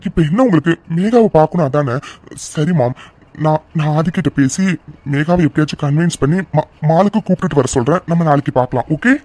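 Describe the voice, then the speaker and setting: A man's voice: a little high, quick pace, darkish tone, slight background noise, lightly acted. A man voicing a young adult son in a cartoon who patiently soothes his crying mother. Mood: reassuring. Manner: soothing, reassuring. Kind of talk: cartoon voice acting.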